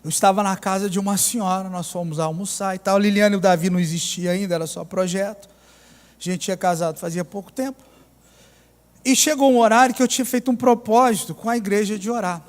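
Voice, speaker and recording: A pastor with a Mineiro accent, telling a story in a sermon with ironic humor. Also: male voice, high-pitched, steady tone, fast talker. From Minas Gerais, Brazil. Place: church. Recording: reverberant church hall.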